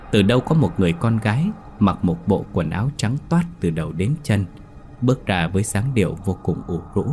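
Low-voiced man narrating a horror tale. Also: darkish tone. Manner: measured, atmospheric storytelling. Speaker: storyteller. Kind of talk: scripted horror story narration. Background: faint music.

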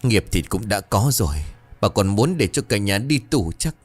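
A man's voice: lowish voice, expressive, normal speed, faint music behind. A man voicing an angry middle-aged village father in a horror story, barking short clipped lines. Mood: harsh.

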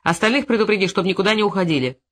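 A woman's voice: mid-range voice, lively intonation, rapid-fire, natural voice. A woman reading an audiobook, voicing a strict police officer who threatens a report. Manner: strict, bureaucratic.

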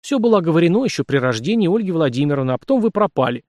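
A man's voice: fairly high pitch, very animated, racing, darkish tone, no room sound, pitched above the performer's own voice. A man voicing a nervous, pompous young nobleman in a storybook reading. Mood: indignant. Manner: stammering, pompous.

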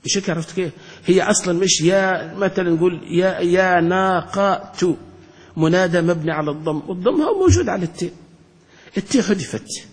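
A high-voiced man teaches grammar as a sheikh, pressing his class with questions. He circles back, repeats himself and restarts half-finished words. His voice rings with a long hall reverb. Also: lively intonation, quick pace. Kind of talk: classroom lesson explanation.

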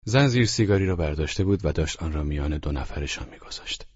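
A man narrating an audiobook in a measured, even storytelling manner. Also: extremely low pitch, husky, dry recording, dull audio.

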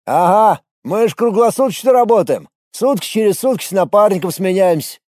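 A man voicing a blunt bartender who speaks loudly and plainly. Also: high voice, expressive, moderate pace, no echo, studio quality, pitched above the performer's own voice. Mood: brusque. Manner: loud, brusque. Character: blunt male bartender, loud and plain-spoken.

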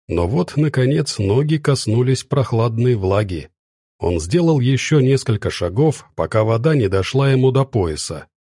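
Mellow-voiced male audiobook narrator. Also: mid-range voice, no room sound, studio quality.

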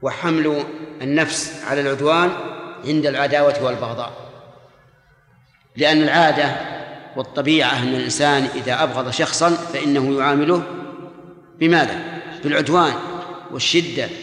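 A man who is an Islamic scholar, giving a measured, didactic Quran commentary lesson. He asks his students questions and answers them himself, and he speaks to them directly. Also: medium pitch, fairly even intonation, fairly bright tone. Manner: addresses and corrects listeners directly. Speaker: Islamic scholar teaching a class. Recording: echoey hall with long reverb, archival lesson tape.

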